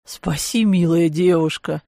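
A woman voicing a hoarse, hungover German man who grumbles and sulks in an audiobook. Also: lowish voice, measured pace, warm tone, dry recording, studio quality. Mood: hoarse, pleading. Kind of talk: audiobook character voice.

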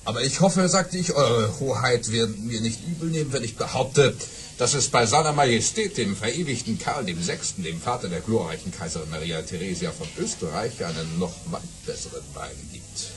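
An actor playing a boastful, excitable baron telling tall tales in a radio play, bombastic and repeating words for emphasis. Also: male voice, on the low side, normal speed, slight background noise, close to an everyday voice. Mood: confidently bragging.

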